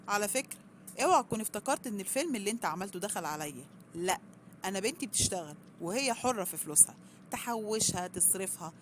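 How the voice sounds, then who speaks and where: Woman reader doing a sharp-tongued Egyptian mum, scornful, quick, faint hiss. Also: medium pitch, lightly acted. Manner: scornful, bossy. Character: meddling Egyptian mother, bossy and sharp-tongued.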